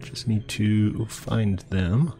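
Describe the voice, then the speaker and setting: Slightly stuffy-nosed, a man streams a game and chats easily with friends, thinking aloud with fillers. His lowish voice is mellow and fairly even, stretching out his words.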